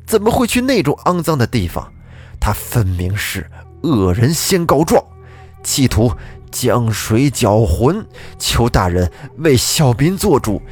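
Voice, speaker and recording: A man voicing an angry old father loudly appealing to a magistrate for justice. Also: medium pitch. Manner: loud, indignant appeal.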